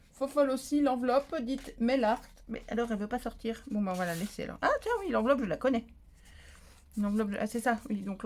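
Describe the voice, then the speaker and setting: A woman vlogging casually as she opens craft mail at home, chatty and easily moved, full of exclamations. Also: on the high side. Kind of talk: casual chat while opening mail.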